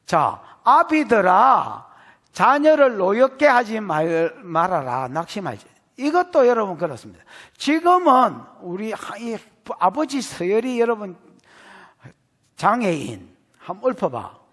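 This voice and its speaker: A man with a Gyeongsang Korean accent preaching a sermon as pastor, animated and jokey, quizzing his congregation. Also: high-pitched, measured pace, in a large hall. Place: church sanctuary.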